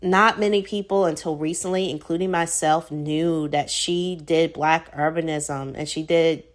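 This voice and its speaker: Hosting her own podcast, an American woman with a Southern accent delivers a solo monologue in a low, steady voice at a measured pace. She talks casually and reflectively, using lots of fillers.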